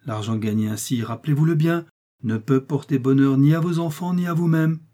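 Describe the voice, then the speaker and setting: A man's voice: medium pitch, a little fast, dark tone, voice pushed up, natural voice. A man voicing a resolute young man who questions firmly and presses for the truth. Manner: firm, pressing.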